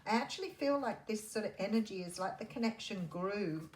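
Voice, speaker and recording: A woman giving a mystical tarot horoscope reading, speaking in an intuitive, musing way with pauses as she works through the cards. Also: mid-range voice, animated. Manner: intuitive, musing, pausing as cards are turned. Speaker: tarot reader. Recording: roomy echo, faint background noise.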